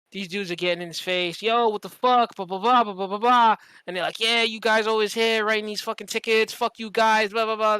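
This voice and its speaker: A podcast host tells stories casually and animatedly in conversation, swearing a lot, using plenty of slang and often acting out what people said. The voice is mid-range and smooth, with no room sound, though the recording quality is low.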